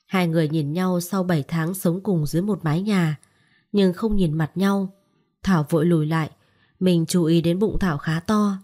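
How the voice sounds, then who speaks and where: A woman narrating a romance audiobook in a steady storytelling style. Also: fairly low pitch, normal speed.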